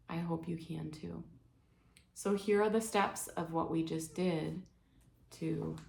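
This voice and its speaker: A woman leading a guided healing exercise, speaking in a gentle, soothing way, step by step. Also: fairly low pitch, gravelly, a little hiss or hum. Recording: echoey room with faint ambience.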